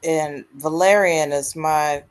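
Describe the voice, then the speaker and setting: A woman joins a casual group chat with a low, easygoing voice. She talks very slowly and takes her time over each thought. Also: steady tone.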